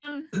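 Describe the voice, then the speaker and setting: A woman with a high, bright, lively voice, co-hosting a loose podcast chat. She bosses her friends around, swears freely and laughs a lot. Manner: bossy teasing, swears a lot, laughs often. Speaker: podcast co-host. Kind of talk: casual chat.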